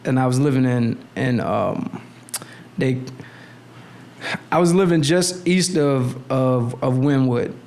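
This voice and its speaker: A young man telling stories in a relaxed podcast chat, full of slang and restarts, at a boom mic in a small studio room. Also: takes it slowly, vocal fry, pauses often. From Navy brat, born in the Philippines, lived in Miami. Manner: animated storyteller with frequent restarts and slang. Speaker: podcast guest, clothing designer. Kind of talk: casual podcast conversation. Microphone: boom mic on arm at the table.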